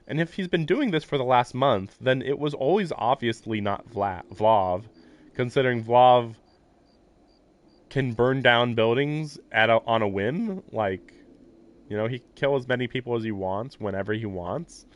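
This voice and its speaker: A medium-pitched man streams a visual novel with no echo, reading its text aloud and reacting in a rambling, casual way full of swearing and short laughs. Game music plays in the background.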